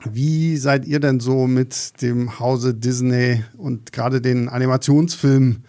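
A man's voice: mid-range voice, steady tone, a little slow, warm tone. A middle-aged man, hosting a film podcast in casual conversation.

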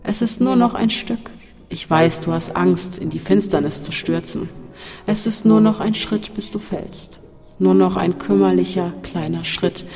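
A narrator voicing a sinister male voice that taunts from a dark shaft in an audiobook, over faint music in a long reverb. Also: mid-range voice, a little slow, vocal fry. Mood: coaxing. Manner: mocking, then coaxing and seductive.

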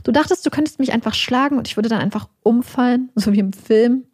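A woman's voice: fairly high pitch, fast talker, darkish tone, husky, no room sound, clean studio sound. A woman voicing the quoted lines of an aggressive, controlled, menacing man in a cold, clipped way.

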